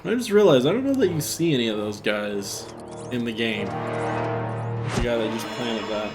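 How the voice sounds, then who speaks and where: A man's voice: mid-range voice, lively intonation, measured pace. A man giving casual, rambling commentary as he plays a video game. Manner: offhand, rambling. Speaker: gameplay commentator. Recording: game music behind the voice.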